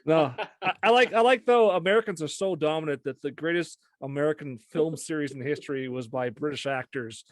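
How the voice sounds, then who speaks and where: A man's voice: a little high, brisk, hardly any pauses, dry recording. A man hosting a podcast in casual chat, blunt and swearing freely. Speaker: podcast host.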